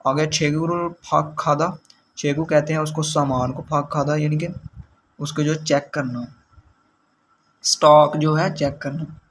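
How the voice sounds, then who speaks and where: Man teaching vocabulary slowly, slightly high voice. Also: flat delivery, fairly bright tone, a little hiss or hum, rough recording. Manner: slow, repeats and glosses each word. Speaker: language teacher. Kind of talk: explaining vocabulary to learners.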